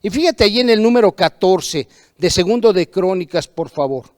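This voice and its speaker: A man with a high-pitched voice preaches a sermon, streamed online from a church service. He reads passages of scripture aloud and then drives his points home with emphatic rhetorical questions. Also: animated, moderate pace. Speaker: pastor.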